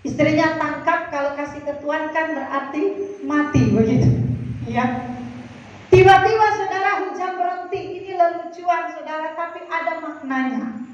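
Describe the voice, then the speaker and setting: A woman pastor preaches with a very high, sing-song cadence, telling a story and acting out its characters for the congregation. Her voice rings through a large, echoing church hall. It is picked up from a distance and sounds dull. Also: normal speed. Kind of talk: sermon.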